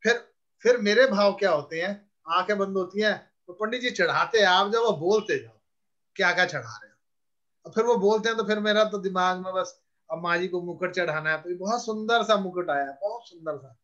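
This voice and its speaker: Guru guy telling stories, acts out both sides of the talk, high bright voice, kinda dull lo-fi sound. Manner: anecdotal, acts out dialogue, explains rituals slowly. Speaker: spiritual guru giving counsel. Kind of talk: storytelling spiritual talk.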